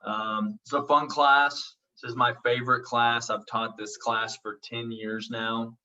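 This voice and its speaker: A college instructor from Oklahoma, with a noticeable accent, introduces his class casually over a video call. His mid-range voice is bright and a bit forceful, a little slow, reassuring, full of ums and "okay?" check-ins. The lo-fi audio sounds dull and distant, as though he's sitting back from the mic.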